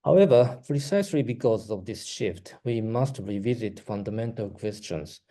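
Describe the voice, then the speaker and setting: A man with a lowish, animated, mellow voice presents a prepared academic talk as a researcher. Japanese is his first language, and he has a Japanese accent. He reads with care, pausing briefly.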